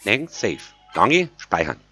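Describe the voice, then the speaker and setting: A native German man with a Bavarian accent, talking over a game in two languages with a low voice. He is excitable and quick to curse, and his pitch swings widely. Loud game music plays throughout. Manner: says each line in English, then repeats it in German; excitable, with swearing and sudden outbursts. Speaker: gaming video host. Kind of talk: bilingual gameplay commentary.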